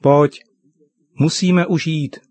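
A man voicing a kind father in a children's story, explaining things gently. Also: on the high side, fairly even intonation, dry recording, pitched above the performer's own voice, lightly acted.

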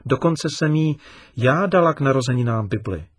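A man's voice: mid-range voice, no room sound, recorded from a distance, natural voice. A man voicing an upset young girl. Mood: aggrieved. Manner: raised, emphatic and complaining.

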